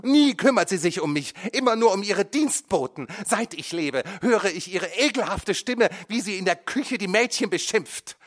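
A man reading an audiobook, voicing a hot-tempered teenage boy who shouts bitter accusations at his mother. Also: fairly low pitch, big pitch swings, a little slow, hardly any pauses, husky, full character voice. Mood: furious.

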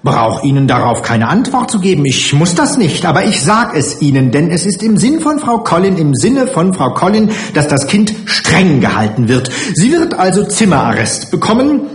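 A man reading an audiobook and voicing a harsh woman who runs a children's home, shrill and falsely sweet. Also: big pitch swings, normal speed, few pauses, echoey room. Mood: cold. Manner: shrill, scolding, mock-gentle. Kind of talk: audiobook character voice.

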